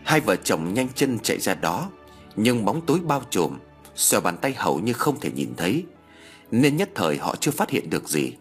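A man's voice: fairly low pitch, very animated, moderate pace, faint music behind. A man narrating an audiobook story in a dramatic manner. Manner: dramatic, swings into character voices.

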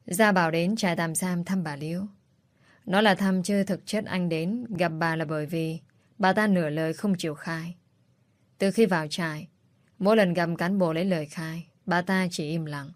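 A woman narrating a read-aloud story in a steady storytelling manner. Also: on the low side, moderate pace, no echo.

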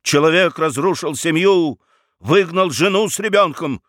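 A man voicing an excitable, pompous middle-aged male lawyer who declaims with pathos. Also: very high-pitched, slow, clean tone, dry recording, clean studio sound, pitched above the performer's own voice, full character voice.

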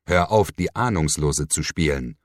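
A man's voice: very deep voice, expressive, normal speed, dry recording, clean studio sound. A man voicing a mocking, menacing villain who sneers and hisses, in an audiobook reading. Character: mocking sinister man, cold cult leader.

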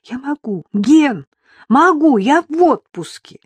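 A woman's voice: high-pitched, expressive, slow pace, dry recording, pitched above the performer's own voice. A young woman fighting back tears, her voice rising and falling with emotion, as a woman reader plays her. Read dry and close to the mic for an audiobook. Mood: tearful. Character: tearful young woman leaving her husband.

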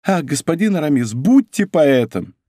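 A man's voice: a little high, sing-song, normal speed, mellow, dry recording, clean studio sound. A man voicing a fussy, awestruck older male servant in an audiobook reading. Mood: astonished.

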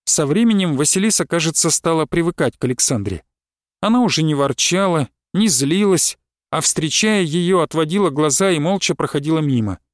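A man calmly narrating a story as an audiobook reader. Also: a little high, dry recording, studio quality. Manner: calm, measured storytelling. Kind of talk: audiobook reading.

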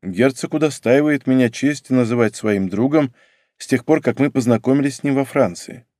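A man voicing an earnest, reserved young nobleman in an audiobook, speaking quietly and sincerely. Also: medium pitch, moderate pace, dry recording, studio quality, lightly acted. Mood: subdued.

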